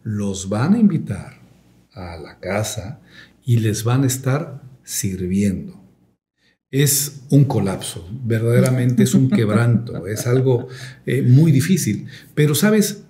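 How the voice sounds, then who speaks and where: Mellow-voiced pastor telling a testimony. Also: male voice, mid-range voice, animated, slow pace. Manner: reflective storytelling with hesitant fillers, rising to emphatic preaching.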